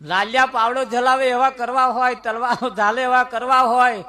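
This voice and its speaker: A man's voice: extremely high pitch, steady tone, normal speed, pushed and bright. A man preaching a folksy moral sermon, telling stories and asking the crowd rhetorical questions. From Gujarat.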